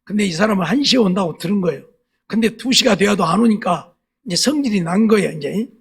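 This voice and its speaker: A man's voice: high-pitched, expressive, quick pace, creaky, breathy edge. A male pastor preaching a sermon, telling a story and acting out a quarrel, then building to emphatic preaching. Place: church sanctuary.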